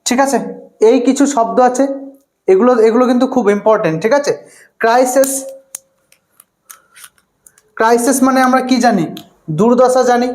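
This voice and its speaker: A man's voice: very high voice, fairly even intonation, normal speed, long pauses, darkish tone. A male English teacher with a Bengali accent gives an online exam-prep lecture, repeating words and asking rhetorical questions that he answers himself. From West Bengal, India. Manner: repeats words and often says "okay".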